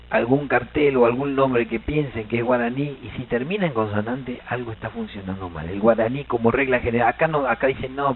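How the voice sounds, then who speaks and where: An Argentine man lectures a seminar audience as a language teacher, lively and playful, tossing questions to the room. His voice is gravelly and sits at a middle pitch. The recording is thin and tinny, like a phone line. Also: a little hiss or hum. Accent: Argentine Spanish. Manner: animated, joking, quizzes the audience. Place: seminar hall.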